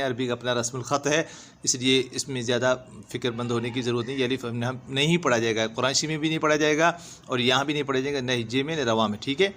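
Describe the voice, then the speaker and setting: A man teaching Quran reading, spelling each letter and vowel sign, then drawing out the syllables in a slow, patient lesson. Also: medium pitch, a bit bright, a little hiss or hum. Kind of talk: step-by-step recitation lesson. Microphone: voice-over over screen recording.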